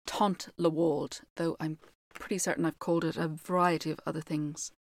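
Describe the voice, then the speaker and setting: A woman's voice: low voice, little pitch movement, brisk, dry recording, studio quality. A woman with a lilting Irish accent, speaking as a storyteller to her listeners. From Ireland. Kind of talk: storytelling with informal commentary to listeners.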